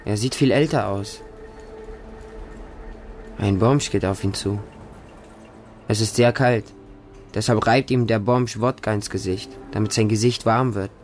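With soft music underneath, a man with a lowish, natural voice narrates a radio drama in the role of a homeless Russian street boy, bleak and hardened. He moves at a measured pace with long pauses, delivering stark, simple present-tense lines in a desolate tone.

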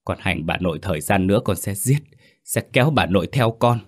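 A man's voice: low-pitched, lively intonation, brisk, breathy edge. A man voicing the sulky, grieving ghost of a young girl in a spoken ghost story, with a sobbing, reproachful delivery. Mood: aggrieved. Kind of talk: storytelling narration.

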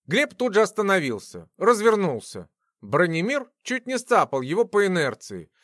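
Man reading a fantasy audiobook, higher voice, super dry close sound. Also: no room sound. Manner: expressive storytelling. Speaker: audiobook narrator. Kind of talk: scripted fantasy narration.

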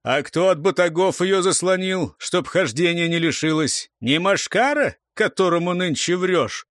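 A man's voice: high voice, unhurried, a bit bright, dry recording, studio quality, pitched above the performer's own voice. A man reading the part of a stern old warrior who scolds and interrogates youngsters in an audiobook. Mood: scolding. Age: older. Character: stern old male warrior, sharp-tongued. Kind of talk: audiobook character voice.

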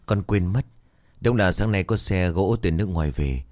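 A man voicing a young widowed woman who speaks gently and soothingly to her mother-in-law. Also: low voice, animated, normal speed, no echo. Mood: gentle.

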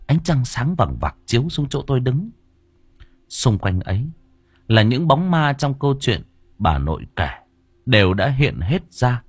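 Expressive male storyteller with a husky voice. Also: medium pitch, unhurried, no echo. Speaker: audiobook narrator. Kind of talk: scripted story narration.

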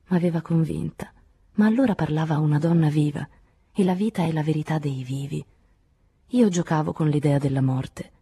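Woman reading a novel audiobook, super breathy husky voice, soft and near whispery. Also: sits low. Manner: quiet, intimate, often sinking to a whisper. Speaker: audiobook reader. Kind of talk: literary audiobook narration.

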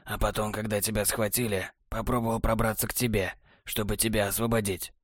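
Cold, scornful male traitor, soft and low, contempt in every word, as a male narrator puts him on. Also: flat delivery, a little fast, dry recording, studio quality, close to an everyday voice. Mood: contemptuous. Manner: low, hushed, sneering delivery.

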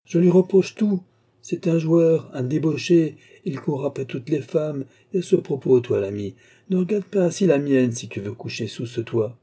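A man reading the part of a boisterous, loud peasant farmer in an audiobook. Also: on the high side, expressive, moderate pace, husky, pitched above the performer's own voice. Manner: loud, blustering, declaiming.

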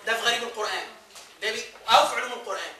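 Fast-talking Egyptian man lecturing. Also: very high voice, sharp tone. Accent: Egyptian Arabic. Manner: quizzing the class, answering his own questions. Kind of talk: classroom lecture. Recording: echoey room recorded from a distance.

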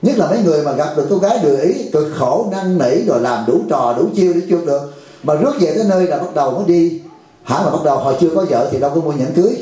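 A man's voice: a little high, lively intonation, rapid-fire, mellow. A man giving a joking, conversational Buddhist dharma talk at a retreat, often asking the audience "right?". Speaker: Buddhist teacher. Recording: very echoey hall.

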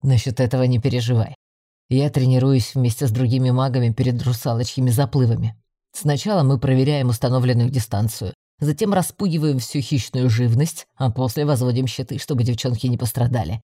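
A man voicing a calm young mage student. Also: mid-range voice, a little fast, no room sound, clean studio sound, lightly acted. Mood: patient explaining. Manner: calm, explanatory, gently teasing. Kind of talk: audiobook dialogue reading.

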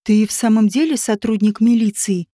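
A woman voicing a quiet, betrayed young woman who speaks softly and slowly. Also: fairly high pitch, dry recording, clean studio sound, pitched below the performer's own voice, lightly acted. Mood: hurt. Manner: quiet, slow.

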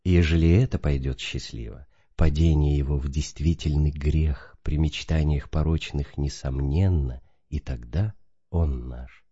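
A man reading the part of Satan, a proud, stern ruler of hell, in a low, measured, hushed way. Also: slightly rough, full character voice. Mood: conspiratorial. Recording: dull lo-fi recording.

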